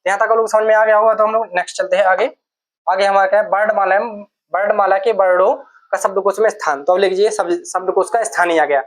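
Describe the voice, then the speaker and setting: Man teaching, dictating notes slowly. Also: high voice, fairly even intonation. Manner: dictates slowly, repeating words for students to note down; asks questions and answers them himself. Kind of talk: classroom lecture.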